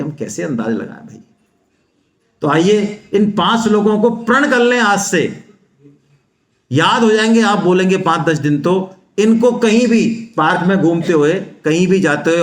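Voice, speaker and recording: A man giving a spiritual lecture on the Gita, coaching Sanskrit pronunciation and chanting the verses slowly. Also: a little high, echoey room. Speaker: Gita teacher. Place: seminar hall.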